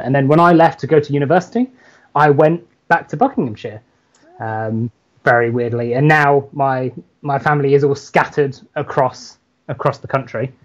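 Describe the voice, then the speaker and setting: A young man from London with a London accent, a comics writer chatting as a guest, hesitant and laid-back with many pauses. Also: medium pitch, muffled recording. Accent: London English. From London, England. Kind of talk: casual chat.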